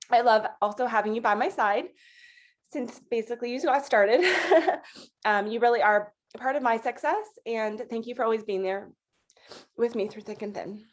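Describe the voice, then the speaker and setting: Chatty, affectionate woman giving thanks. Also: fairly high pitch. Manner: chatty and affectionate, with many fillers. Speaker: sales team manager. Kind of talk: heartfelt thank-you speech.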